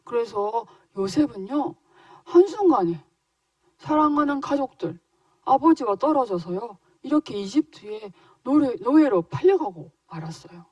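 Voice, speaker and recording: A woman's voice: fairly high pitch, a little slow, no room sound, distant mic. A woman telling a Bible story to small children. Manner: animated, questioning, speaking to small children. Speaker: children's ministry teacher. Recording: dry voice a little off-mic.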